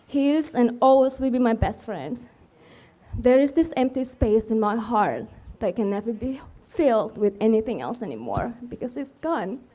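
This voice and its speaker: With an expressive, mellow voice on the high side and a moderate pace, a widow eulogizes at a memorial. She addresses the gathered mourners earnestly and tenderly, clearly heartfelt.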